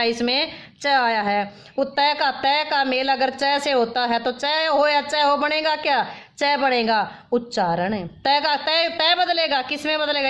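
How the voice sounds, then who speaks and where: A woman's voice: sits high, a bit bright. A woman teacher explaining grammar rules step by step, repeating each rule with worked examples. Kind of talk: grammar lesson. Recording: dull lo-fi sound.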